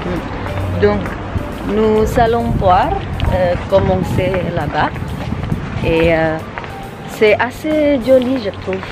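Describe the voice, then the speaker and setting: Woman vlogging outside in a city, sundanese-indonesian accent, talks slow with lots of ums, music playing under her. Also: medium pitch. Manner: hesitant, many fillers, playful. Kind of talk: casual vlog narration.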